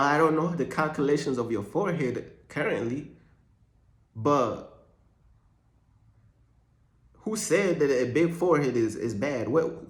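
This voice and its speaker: Joking, slangy young man, echoey room. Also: fairly high pitch. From Uganda. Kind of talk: casual faith vlog monologue.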